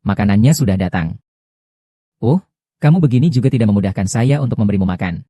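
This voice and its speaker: A man reading every part of a dubbed drama in a plain, even way. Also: on the low side, fast, no room sound.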